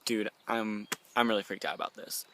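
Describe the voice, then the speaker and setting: Young man, outdoor handheld vlog, jittery and rambling, bright tense tone, faint outdoor hiss. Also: fairly low pitch, level tone, normal speed. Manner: jittery, rambling, nervous laughs, swings between whispering and loud exclaiming. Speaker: amateur paranormal vlogger. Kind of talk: handheld found-footage vlog. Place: woods outdoors.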